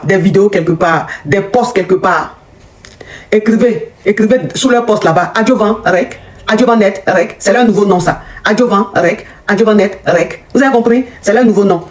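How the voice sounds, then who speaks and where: A middle-aged woman coach ranting at her online critics in a scolding, mocking, repetitive way, her voice jumping up in pitch as she gets heated. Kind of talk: angry rant on a live video.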